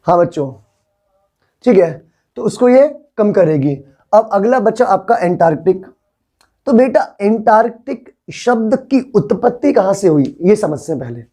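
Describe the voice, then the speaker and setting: Brief: young male teacher in a classroom, mellow tone, coaxing, repeats words for students to echo. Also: high-pitched, expressive, moderate pace. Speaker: English teacher. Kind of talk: classroom vocabulary lesson.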